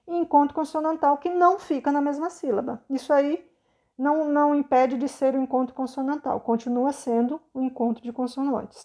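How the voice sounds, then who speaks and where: A Brazilian woman teacher explaining a lesson to children patiently, sounding words out slowly and checking understanding often. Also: sits high, a little mellow. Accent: Brazilian Portuguese.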